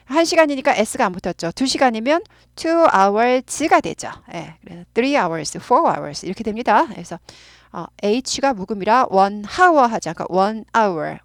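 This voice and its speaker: A woman's voice: mid-range voice, no echo. Woman, Korean accent, English teacher, patient repeated drilling, dry close sound. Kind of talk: explaining English grammar and pronunciation.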